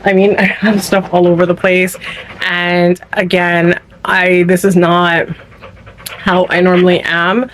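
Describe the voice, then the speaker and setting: A woman's voice: fairly low pitch, flat delivery, measured pace, slight background noise. A woman chatting casually to her viewers as she vlogs from a cluttered bedroom at home, talking in a loose, rambling way into a handheld phone. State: a little out of breath at times. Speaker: vlogger. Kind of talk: casual vlog chat.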